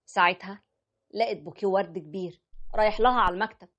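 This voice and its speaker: Woman reading as young husband, storybook narration, fast, husky, conversational. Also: mid-range voice, fairly bright tone, close to an everyday voice. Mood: recounting. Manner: plain conversational retelling. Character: young married man, devoted husband narrating.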